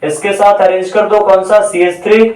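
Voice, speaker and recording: A man's voice: high-pitched, flat delivery, moderate pace, darkish tone. A man teaching chemistry in a lecture style, asking questions and answering them himself. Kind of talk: classroom lecture. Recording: echoey room, voice from a distance.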